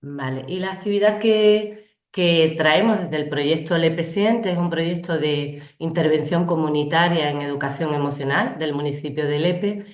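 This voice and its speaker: A woman with a cold gives an online training presentation. She speaks slowly and deliberately in a very low voice. The recording sounds echoey, as if made in a bare room. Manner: slow, deliberate delivery. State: has a cold. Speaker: local project speaker.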